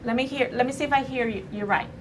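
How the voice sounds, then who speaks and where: A woman's voice: on the high side, fast. A woman primary school teacher in a classroom discussion, encouraging children and checking back with questions. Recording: faint classroom background noise. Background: room ambience and young children.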